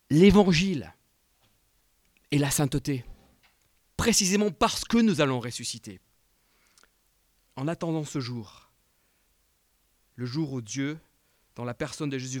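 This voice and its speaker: A man preaching an evening sermon, asking his listeners direct questions and swinging from emphatic peaks to quiet, low endings. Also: no room sound, clean studio sound. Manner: rising to emphatic peaks, then dropping quiet.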